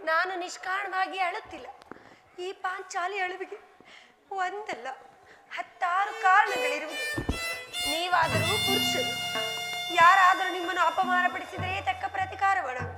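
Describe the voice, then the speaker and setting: A woman's voice: extremely high pitch, fairly even intonation, fairly quick. A woman playing the wronged queen Draupadi, bitter and defiant, declaiming emphatic, plaintive stage dialogue in a village mythological play. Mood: lamenting. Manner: emphatic, plaintive theatrical delivery. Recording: live stage recording with very loud music.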